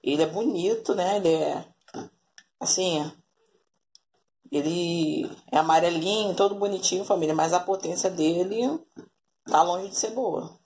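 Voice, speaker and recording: A woman's voice: on the low side, measured pace, long pauses, darkish tone. Chatty woman vlogging a recipe at home. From Brazil. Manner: chatty, keeps calling her viewers "family". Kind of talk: casual cooking vlog narration. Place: home kitchen, then outdoors in a yard. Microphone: phone camera held at arm's length.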